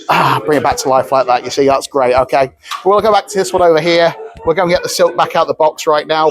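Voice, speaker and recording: A man's voice: a little high, rough recording. Chatty man demonstrating magic props. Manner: chatty, showman-like, hesitant fillers. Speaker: prop dealer demonstrating products. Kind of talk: product demonstration.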